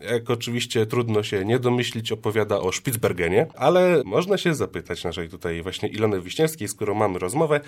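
A man's voice: on the low side, lively intonation, brisk, hardly any pauses. Polite male interviewer. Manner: formal, polite questioning. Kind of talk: radio interview.

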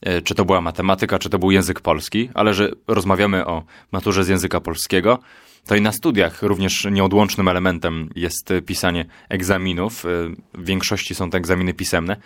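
A man leads the conversation with calm, reasoned questions in a casual talk. His voice sits very low. The recording is dry and close to the mic. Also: a little fast, dry recording. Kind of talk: casual discussion.

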